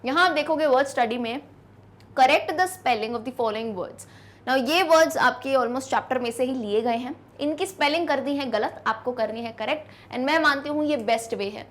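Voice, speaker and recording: A woman explains an English lesson in a high, clear voice. She spells words out letter by letter and reads example sentences at a slow, careful pace. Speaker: English teacher.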